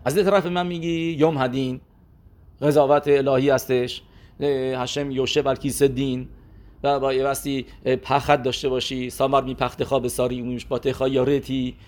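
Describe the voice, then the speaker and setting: A man's voice: mid-range voice, flat delivery, a little mellow. A man teaching a religious class, telling an anecdote in a conversational way with fillers and restarts, acting out the quoted lines.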